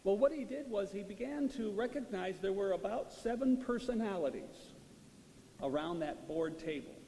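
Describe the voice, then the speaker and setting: A man speaking as a priest in a liturgical reading and homily, measured, solemn and deliberate in his phrasing. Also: sits high, expressive, dark tone. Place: large reverberant church. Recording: echoing church hall, long reverb, hiss.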